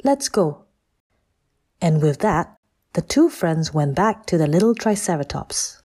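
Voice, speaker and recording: A woman reading a children's story aloud at an unhurried pace, her voice low, warm and a little husky. The delivery is calm and gentle.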